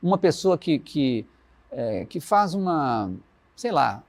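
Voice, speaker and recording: A man's voice: a little high, very animated, creaky. Reflective Brazilian man in his sixties. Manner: warm storytelling, recites his lyrics slowly. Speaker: musician guest. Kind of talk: reflective interview talk.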